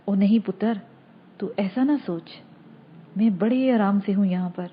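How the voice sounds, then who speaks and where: A woman voicing an elderly village mother who comforts her son in a gentle, motherly way. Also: mid-range voice, dull audio, a little hiss or hum, lightly acted. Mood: reassuring.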